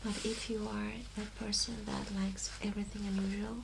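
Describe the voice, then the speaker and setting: A woman speaking in a soft, breathy, often soft-spoken voice, doing an ASMR role-play as a personal shop assistant with gentle, hesitant phrasing. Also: medium pitch, flat delivery, moderate pace. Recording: clear background noise.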